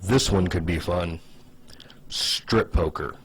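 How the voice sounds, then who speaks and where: An online video host delivers casual comedic commentary, chatting conversationally with hesitant asides and lots of "like." His voice is low-pitched, slow and husky.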